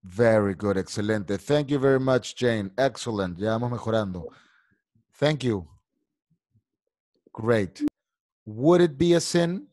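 A man's voice: medium pitch, lively intonation, slow, long pauses, a little mellow, no echo, clean studio sound. Patient bilingual male English teacher. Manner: explains patiently, mixing Spanish and English. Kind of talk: online English class.

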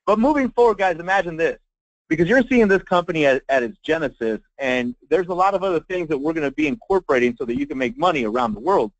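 An American man leading a live online sales training as a marketing trainer, with an emphatic, folksy pitch addressed straight to his listeners. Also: animated, fast talker, dry recording. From Texas, United States. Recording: dull lo-fi web conference audio.

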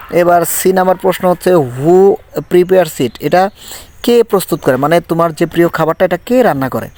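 A man teaching an English textbook lesson, explaining patiently and reading the English lines slowly before he translates them. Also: on the high side.

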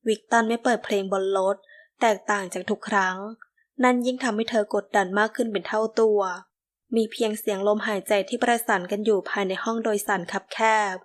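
A woman giving scripted, measured narration of a romance novel. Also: mid-range voice. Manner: measured, steady storytelling. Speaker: audiobook narrator.

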